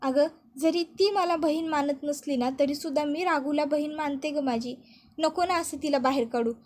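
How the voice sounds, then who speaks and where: Here is a woman playing a kind young bride in a retold serial. Her voice is high and gentle. She pleads softly as a peacemaker. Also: moderate pace, close to an everyday voice. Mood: gentle pleading. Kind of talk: retelling TV serial dialogue.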